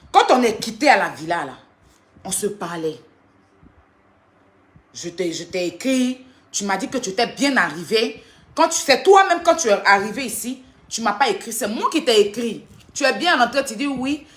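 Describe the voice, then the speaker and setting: Heated, lively woman ranting. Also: a little high. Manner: heated, defensive, retelling quarrels rapidly. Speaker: social media personality. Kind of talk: livestream rant addressing critics.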